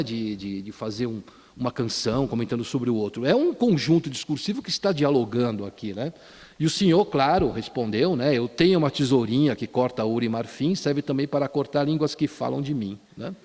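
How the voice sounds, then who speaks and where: A man's voice: a little high, darkish tone. A man giving an academic lecture at a conference, often ending phrases with a tag question and restarting words. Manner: frequent tag questions and restarts, quotes lyrics. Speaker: conference speaker. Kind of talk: academic lecture on popular song. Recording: reverberant hall.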